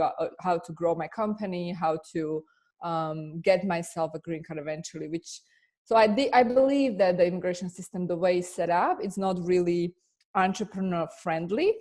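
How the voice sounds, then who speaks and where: A woman with a Slovak accent and a fairly low voice answers interview questions. She speaks earnestly, with plenty of fillers and restarts. Her answers sound like those of an attorney and coach recounting her own path. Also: darkish tone. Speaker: immigration attorney and business coach.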